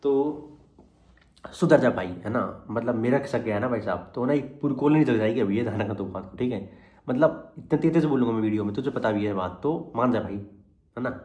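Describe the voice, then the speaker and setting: A young man rambles to camera in a casual vlog, his talk full of fillers and loose asides. His voice sits at an ordinary middle pitch, and the room around him rings with echo. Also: brisk, highs cut off. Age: young adult. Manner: rambling, full of fillers, angry threats turning to tired chat. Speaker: exam student vlogger.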